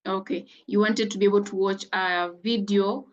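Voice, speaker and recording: A woman's voice: mid-range voice, fairly even intonation, normal speed, dull audio. A woman hosting an online interview with a graduate, upbeat and full of praise. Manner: upbeat, effusive praise with frequent "amazing". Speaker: host.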